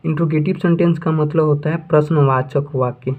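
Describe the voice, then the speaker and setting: A man teaching English grammar to beginners in his native Hindi, with a fairly high voice for a man. He repeats each point, asks questions and answers them himself, and slows down when he dictates example sentences. The sound is thin and tinny, like a phone line. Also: fairly even intonation. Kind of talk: classroom-style lesson for beginners.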